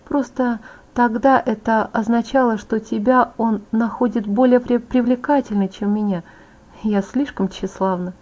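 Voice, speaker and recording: A proud young vampire woman from an audiobook, vain and quietly bitter, voiced by a woman narrator. She speaks softly and confidingly, in a slightly high voice. The recording sounds dull and lo-fi. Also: fairly even intonation, moderate pace, close to an everyday voice.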